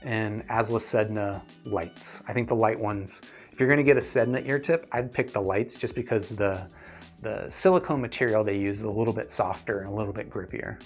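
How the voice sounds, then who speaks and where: Speaking briskly in a lowish voice, a man reviews gear and fields viewer questions during a casual livestream, reasoning aloud as he goes. Faint music plays behind him.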